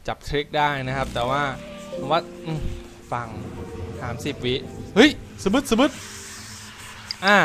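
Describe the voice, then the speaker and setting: A young man hosting a horror game playthrough, chatting, joking, swearing casually and yelping when startled. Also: fairly high pitch. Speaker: gaming channel host. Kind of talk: let's play commentary.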